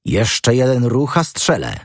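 A man's voice: medium pitch, very animated, slow, dry recording, studio quality, pitched above the performer's own voice. A man reading the part of a stern, aristocratic older count who speaks in curt, threatening commands. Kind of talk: audiobook character reading.

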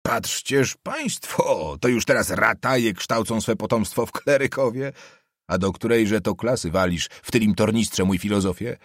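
A man playing a haughty young nobleman who questions in a hoarse, commanding, mocking manner, in an audiobook reading. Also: fairly low pitch, steady tone, moderate pace, few pauses, no room sound, clean studio sound, close to an everyday voice.

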